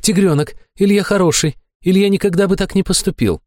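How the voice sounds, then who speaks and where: A man voicing a meek young woman who pleads in a soft, raised voice. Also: sits high, brisk, no room sound, clean studio sound, pitched above the performer's own voice, close to an everyday voice. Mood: pleading.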